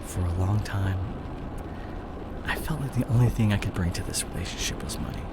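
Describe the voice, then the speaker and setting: Over very noisy audio, a man with a deep voice speaks briskly as a fallen, evasive CEO boyfriend who has cheated, a smooth talker fixated on his image. It's an intimate, dramatic roleplay audio drama, and he sounds tender and confessional.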